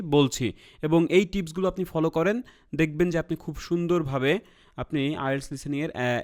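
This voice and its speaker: A man with a Bangladeshi Bengali accent teaching an IELTS listening lesson, checking in often with his viewers and mixing English terms into his talk. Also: a little high. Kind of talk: explanatory lesson.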